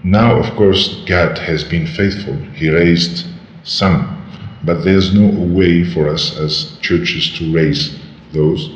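A church leader from North Africa, a man whose voice is disguised to sound deeper, answering interview questions haltingly as he searches for words. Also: fairly even intonation. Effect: voice disguised, pitched very deep and slowed. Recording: dull, roomy audio with long reverb and faint noise.

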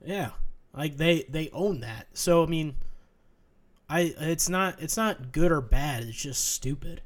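Halting young man in casual sports chat. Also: fairly high pitch, animated. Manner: halting, many restarts and fillers. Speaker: podcast co-host.

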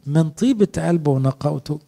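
Fast-talking gravelly Egyptian priest. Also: male voice, on the high side, mellow. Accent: Egyptian Arabic. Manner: earnest, asks the listeners rhetorical questions. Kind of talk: sermon.

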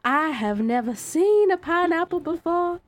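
A woman's voice: very high voice, expressive, a little slow, pitched above the performer's own voice. A woman voicing a naive teenage debutante who gushes breathlessly in a genteel way. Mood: gushing.

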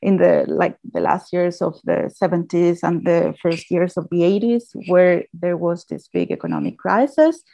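A woman's voice: lowish voice, moderate pace, vocal fry, hardly any pauses, mellow, no room sound, rough recording. A woman from Chile giving an explanatory talk, often restarting and repeating phrases. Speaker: guest speaker. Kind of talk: talk presentation.

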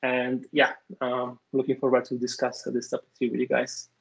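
Flat-voiced man from Slovakia. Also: medium pitch, moderate pace, gravelly, low-quality recording. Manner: friendly, slightly non-native phrasing. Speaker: lead product designer. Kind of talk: casual podcast chat.

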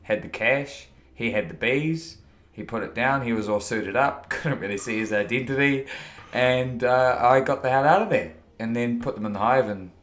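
A man's voice: mid-range voice, normal speed, a bit bright. A man with a broad New Zealand accent chatting casually as a podcast guest, laid-back, slangy and matey. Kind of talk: casual chat.

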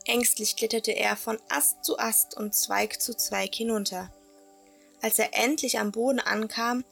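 A woman narrating a children's story for an audio play, in a gentle, expressive storytelling manner. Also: fairly high pitch, creaky.

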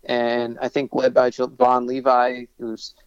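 A man's voice: mid-range voice, completely flat delivery, a little slow, smooth, no room sound, dull audio. A man in his thirties from Long Island, a sports broadcaster, talking enthusiastically with many restarts and fillers. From Long Island, New York. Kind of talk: casual interview talk.

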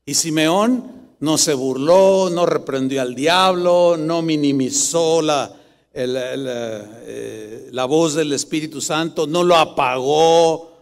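Middle-aged male pastor, higher voice, emphatic sermon delivery, long hall reverb. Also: slow pace, creaky. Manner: animated preaching, rising to emphatic bursts.

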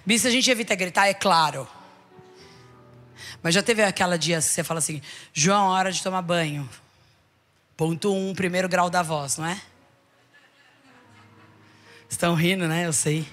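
A middle-aged Brazilian woman bishop preaching to a congregation, animated, with rhetorical questions and calls for the people to repeat after her. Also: lowish voice, moderate pace, pauses often, faint music behind. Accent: Brazilian Portuguese. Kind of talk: sermon.

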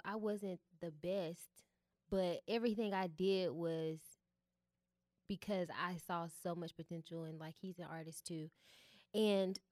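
A young woman, an artist and founder, chats casually as a guest in a studio interview. She sounds relaxed and candid, with a lowish voice and plenty of fillers. The recording has no room sound.

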